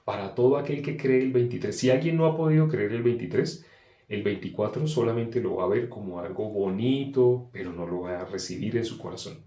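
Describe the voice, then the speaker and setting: A man preaching a sermon, emphatic, asking questions and answering them himself, swinging between loud and soft. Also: on the low side, fairly quick, echoey room.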